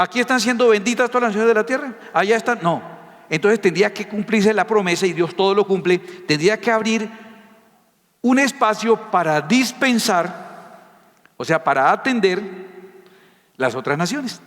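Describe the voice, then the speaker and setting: In a reverberant hall, a man whose voice sits high and a bit bright preaches as a pastor. He's forceful, peppering the congregation with rhetorical questions.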